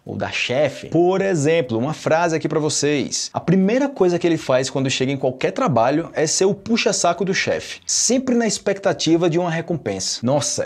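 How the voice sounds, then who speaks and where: A man with a Brazilian Portuguese accent teaching a casual online Portuguese lesson, chatty and relaxed, tagging sentences with "né?" and "ok?". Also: fairly high pitch, slightly rough. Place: Medellín, Colombia.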